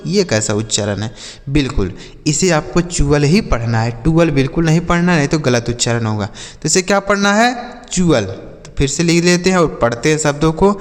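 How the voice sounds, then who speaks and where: A man's voice: a little high, big-room sound. A male English teacher gives a YouTube classroom lesson. He spells words out letter by letter and answers his own questions.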